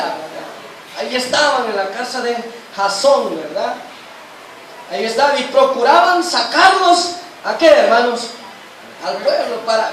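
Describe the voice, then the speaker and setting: Man, high voice, church Bible study teacher, questions the congregation constantly, very echoey room, distant mic. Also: a bit bright, slight background noise. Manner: keeps quizzing the congregation with questions; addresses listeners as brothers constantly.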